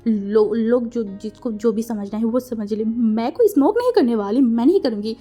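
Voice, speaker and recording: A woman voicing a shy, easily embarrassed young woman who stammers and gets excitable. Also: fairly high pitch, moderate pace, faint music behind, close to an everyday voice. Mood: flustered.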